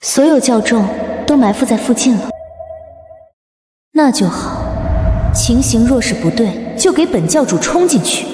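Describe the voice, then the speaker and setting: A woman's voice: on the high side, expressive, measured pace, pauses often, mellow, reverberant, long reverb tail, a little hiss or hum. An actress playing a young woman who leads a demon sect, sweet to her husband and commanding to her followers. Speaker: sect leader posing as gentle wife. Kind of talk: short drama acting.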